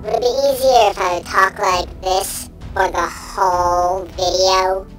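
A man talking through a pitch-raising voice changer built into his gaming headset, joking slowly during casual gameplay commentary. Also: fairly even intonation, over music. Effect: high-pitched headset voice changer. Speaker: gamer.

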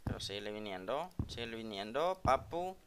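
A man giving live, excitable game commentary as a gaming video creator, joking and trash-talking opponents, recorded over loud background noise and keyboard clicks. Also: medium pitch, moderate pace, vocal fry. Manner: excitable, jokey trash talk aimed at opponents.

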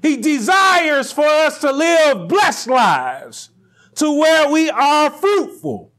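High-voiced preacher with slow emphatic delivery. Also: male voice, sing-song. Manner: rising to near shouts on emphatic lines, slow deliberate phrasing. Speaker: pastor. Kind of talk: sermon. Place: small church room with pulpit, indoors.

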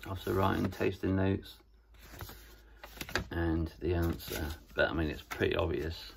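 A man with a very low, gravelly voice talks around the pipe in his mouth as he samples tobaccos. His delivery is relaxed and half to himself, like casual tasting commentary. A faint noise runs underneath. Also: a little slow.

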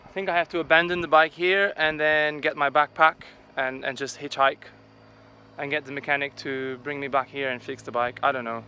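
A man's voice: a little high, fairly even intonation, a little fast. A man in his thirties, a travel vlogger, talking casually to a phone held at arm's length outdoors, thinking aloud. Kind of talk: casual vlog talk to camera. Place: outdoors on rural roads and by a waterfall. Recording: loud traffic and outdoor noise.

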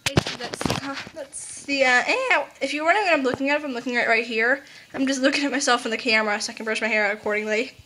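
A woman's voice: sits high, quick pace, few pauses. A teenage girl vlogging casually to her webcam, hyper, giggly and rambling. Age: teens. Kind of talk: casual chat to camera. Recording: noisy webcam recording.

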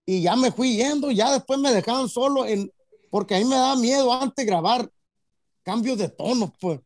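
A man's voice: very high-pitched, normal speed, dry recording, studio quality. A man with a Mexican accent talking casually as a musician guest, rambling with lots of fillers and tag questions. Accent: Mexican Spanish. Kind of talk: casual interview chat.

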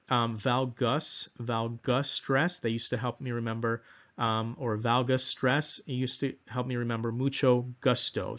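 A man's voice: medium pitch, dull audio. A man giving a casual, self-deprecating exam-prep lecture, repeating mnemonics with frequent ums. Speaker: exam review instructor.

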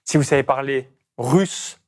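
A man's voice: medium pitch, measured pace. A man from France with a Burgundy accent, hosting a casual interview and talking emphatically with many fillers. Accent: Burgundy French. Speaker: host.

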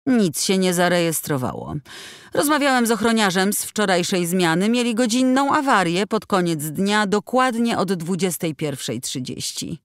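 A woman's voice: mid-range voice, moderate pace, no room sound, voice pushed up, lightly acted. A cold, dismissive male company director, read by a woman narrating an audiobook, curt and businesslike, never raising his tone. It is recorded up close and dry, with no room sound. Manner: calm, curt, bureaucratic. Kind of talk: audiobook dialogue reading. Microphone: close studio mic.

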